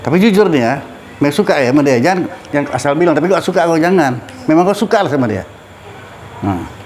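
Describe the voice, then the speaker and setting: A middle-aged religious teacher leads a casual study talk, speaking conversationally and putting questions to his listeners. His voice sits a little high with a darkish tone, and there's a faint hiss or hum.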